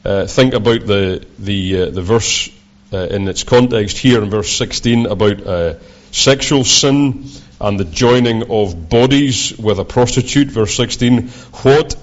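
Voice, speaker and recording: A Scottish preacher with a thick, broad accent and a fairly low voice. He delivers his sermon in measured, halting phrases. The recording sounds dull and a little lo-fi. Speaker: visiting preacher. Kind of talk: sermon with scripture readings.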